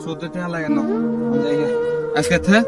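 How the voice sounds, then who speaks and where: A man's voice: a little high, loud music behind the voice. A man with a rural Bangladeshi Bengali dialect, playing a greedy, blustering village moneylender in a comedy skit. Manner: greedy, blustering, fast-talking.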